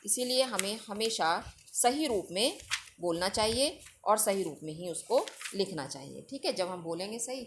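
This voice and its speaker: A woman teacher talks a class through a grammar lesson, patient and methodical. She explains each point step by step and checks in with the students often. A faint background noise sits under her mid-pitched voice. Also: expressive, moderate pace. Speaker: school Hindi teacher.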